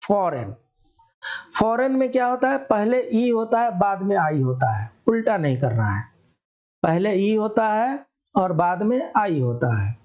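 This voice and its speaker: Teacher explaining spellings, step by step, mellow voice. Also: medium pitch, big pitch swings, measured pace, lo-fi sound. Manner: explains step by step, asks and answers own questions. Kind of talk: spelling lesson for exam students.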